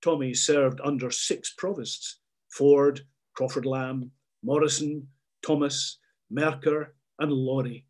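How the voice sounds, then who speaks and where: A man's voice: medium pitch, steady tone, slow pace, darkish tone. A man reading a scripted documentary narration.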